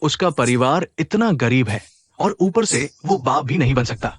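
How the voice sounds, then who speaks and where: A man's voice: mid-range voice, expressive, moderate pace, slightly rough, dry recording, studio quality. An actor playing a disapproving rich father in a dubbed short drama, harsh and contemptuous. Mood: scornful. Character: scornful rich father, older man, harsh.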